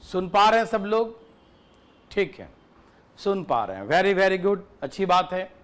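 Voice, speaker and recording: A man's voice: high voice, sing-song, a little slow, a bit bright, clear, resonant tone. A man teaching an online class, repeating himself and checking again and again that students can hear him. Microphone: phone mic, battery ran out mid-class.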